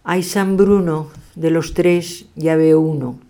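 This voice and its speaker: An elderly woman voicing a poor village man who poses as a fortune-teller, calling out slowly and drawn-out. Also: extremely low pitch, flat delivery, gravelly, warm tone. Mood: wailing. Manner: slow drawn-out exclaiming.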